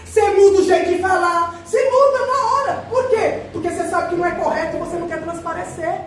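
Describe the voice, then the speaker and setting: Middle-aged lady pastor preaching, high voice, big echoey hall, sounds far off. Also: fast. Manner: lively, joking, acts out little voices. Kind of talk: conversational sermon. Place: large church hall at the altar.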